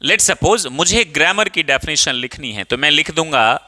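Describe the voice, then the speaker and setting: उज्ज्वल, तीखी आवाज़ वाला पुरुष शिक्षक, धीरे-धीरे अंग्रेज़ी वाक्य पढ़ता हुआ. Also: male voice, on the high side, animated, bright, forceful tone. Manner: explains slowly, reads example sentences aloud in drawn-out English; checks understanding often, calls students 'babu'. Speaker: English teacher. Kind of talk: classroom grammar lesson.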